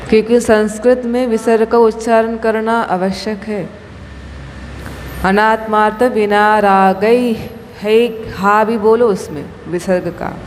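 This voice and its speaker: Slow-speaking nun teaching in a reverberant temple hall. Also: female voice, mid-range voice, darkish tone. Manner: patient, corrects pronunciation syllable by syllable. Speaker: Jain nun teaching scripture. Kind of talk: scripture recitation class. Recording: long hall reverb, faint room noise.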